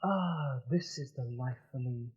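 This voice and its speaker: A man's voice: mid-range voice, a little slow, darkish tone, breathy edge, dull audio. A young man playing a kind, bored young prince in a storybook recording, wry, playful and well-spoken. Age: young adult.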